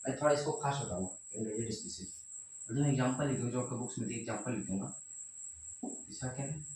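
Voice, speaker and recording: A man's voice: mid-range voice, fast talker, a little mellow, far from the mic, slight background noise. Young male teacher with a Hindi accent. Repetitive, asks rhetorical questions, echoey room. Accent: Indian, Hindi. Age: young adult. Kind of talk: classroom lecture.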